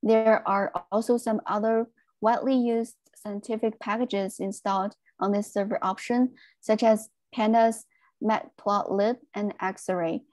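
A woman giving a technical presentation on a video call, speaking in a measured way with frequent fillers. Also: mid-range voice, fairly even intonation, a little mellow, no room sound.

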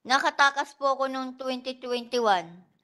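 A woman testifying as a witness at a hearing, answering softly and politely in short replies. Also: high-pitched, measured pace. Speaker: witness, domestic worker. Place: legislative hearing room.

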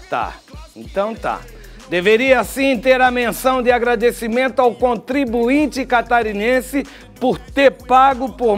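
An older man with a Brazilian Portuguese accent giving chatty studio TV commentary, with wry asides and drawn-out sign-offs. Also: very high voice. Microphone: lapel mic.

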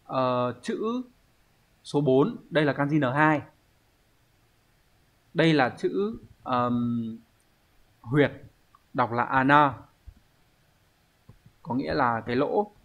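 A man teaching an online language lesson, explaining step by step at an unhurried pace and thinking aloud with pauses. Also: medium pitch, a bit bright. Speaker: Japanese teacher.

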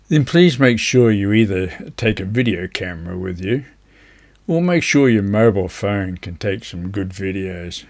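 An older man of around seventy, with a fairly low voice, gives informal, measured, explanatory practical advice straight to the camera. He's an amateur radio operator and video presenter, seated indoors in front of a virtual beach backdrop.

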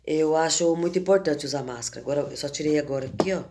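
A Brazilian woman in her fifties, hoarse from a cold, chats devotionally with viewers at home, filming herself on a phone held at arm's length. Her voice sits low and she speaks slowly and homely, often saying "né" and "gente," against a noisy background.

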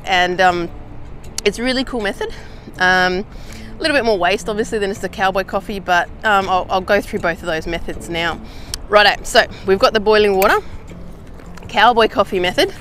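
An Australian woman vlogging outdoors in a casual how-to chat, slangy and relaxed with easy laughs. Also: medium pitch, slight background noise. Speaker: hiking vlogger.

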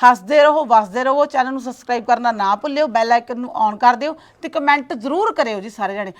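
Brief: woman host, polite sign-off to viewers, lively pace. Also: a little high, fast talker. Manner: polite and friendly. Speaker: channel host. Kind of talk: outro address to viewers.

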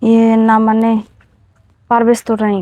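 A woman's voice: a little high, completely flat delivery, moderate pace, dark tone, no echo, lo-fi sound, natural voice. A woman playing an evasive village mother. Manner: evasive, defensive. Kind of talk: amateur short film drama.

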